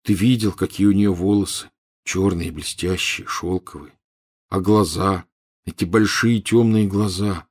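A man reading an audiobook, voicing a hot-headed teenage boy wizard who swings from hushed dreaminess to shouting. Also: deep voice, fairly even intonation, measured pace, husky. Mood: lovestruck.

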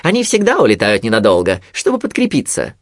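A man's voice: on the low side, wildly swooping pitch, quick pace, dry recording, studio quality, full character voice. A man voicing a fussy, busy male rabbit in a storybook, chatty and a little bossy. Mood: chirpy.

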